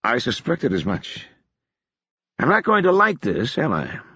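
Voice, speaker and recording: A lanky soldier officer with a dry, deadpan wit, as a male narrator puts him on, his husky voice lifted above the reader's usual low tone. The lines swing lively in pitch. The audiobook recording is dry and a little dull. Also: unhurried, dry recording, heavily acted. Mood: wry. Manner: deadpan, ironic.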